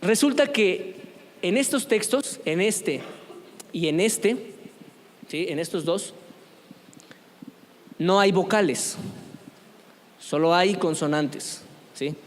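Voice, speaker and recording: A man's voice: high-pitched, slow pace, pauses often, big-room sound, a little hiss or hum. A man teaching a church youth group, speaking conversationally and often asking the group questions. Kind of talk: church youth lesson on apologetics. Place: church meeting room.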